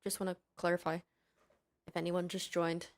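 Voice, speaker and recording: A woman's voice: lowish voice, flat delivery, normal speed. Chatty woman streamer talking to viewers. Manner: chatty, addresses viewers by name. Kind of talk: casual livestream chat.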